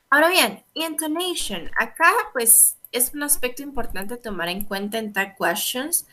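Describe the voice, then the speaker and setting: Her voice mid-range, bright and forceful, a woman from Guatemala walks through English grammar in an online lecture. She's patient in explaining and keeps asking "¿verdad?" to check in.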